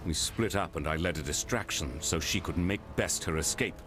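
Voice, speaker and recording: A man voicing a formal, wry man of faith with a very deep voice. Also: moderate pace, background noise, lightly acted. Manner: formal, theatrical speech. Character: wry, grateful man of faith with an indwelling spirit. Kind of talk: video game dialogue. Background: game music.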